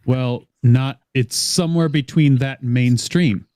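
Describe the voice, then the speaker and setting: A man in a casual panel chat, speaking in a measured, reflective way with the odd curse. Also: medium pitch, darkish tone, dry recording, studio quality. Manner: measured, reflective, occasional swearing. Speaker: panel guest.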